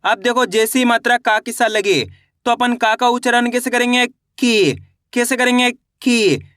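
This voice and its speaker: A man teaching a beginner's reading lesson, sounding out syllables slowly and asking the learner to repeat after him. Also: very high-pitched, little pitch movement, pushed and bright, smooth, no echo, clean studio sound. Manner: slow, drawn-out syllable-by-syllable spelling with repeated checks.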